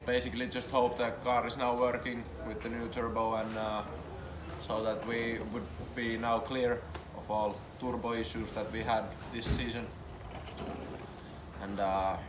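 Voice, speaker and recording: A man's voice: mid-range voice, flat delivery, measured pace. A man speaking simple English, giving an informal update as a racing driver. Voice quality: non-native English with simple phrasing. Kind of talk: informal race weekend update to camera. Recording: noisy outdoor racetrack paddock.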